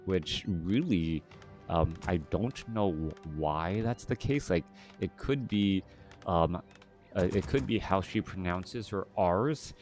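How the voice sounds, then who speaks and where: A man's voice: low-pitched, slow pace, a little mellow, soft background music. A man, casting a strategy game live and drifting into rambling chat full of fillers and restarts. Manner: rambling, chatty, many restarts and filler words. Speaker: game caster.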